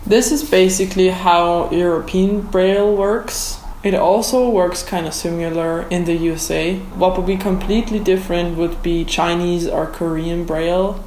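A woman's voice: fairly low pitch, a little mellow. Echoey recording of a woman explaining. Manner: simple, step-by-step explaining. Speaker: podcast host. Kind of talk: explanatory talk. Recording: echoey room, noticeable background noise.

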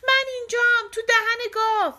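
A woman's voice: fairly even intonation, pushed and bright, exaggerated voice. A woman voicing a thumb-sized little boy crying out for help in a storybook. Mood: panicked. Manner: high shrill cries.

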